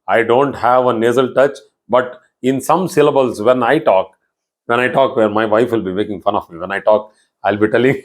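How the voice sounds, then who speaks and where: Middle-aged guy w south indian accent teaching an online class, explains step by step, repeats himself a lot. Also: mid-range voice. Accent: South Indian English. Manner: explanatory, repeats words and restarts, frequent "you know". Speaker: astrology teacher.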